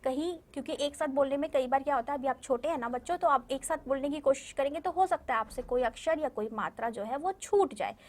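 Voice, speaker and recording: High-voiced woman teacher drilling vowel sounds. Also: darkish tone. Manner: slow, drawn-out syllable-by-syllable pronunciation drills, repeating words; patient, coaxing, checks understanding with "ठीक है?". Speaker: primary school Hindi teacher. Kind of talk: recorded video lesson for young children.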